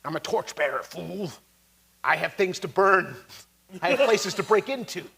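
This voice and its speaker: A man's voice: high-pitched, animated, moderate pace, creaky, sharp tone, a little hiss or hum, heavily acted, poor audio. A man voicing an arrogant, scheming male halfling informant who talks down to others in a tabletop game. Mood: haughty. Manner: haughty, dismissive, condescending.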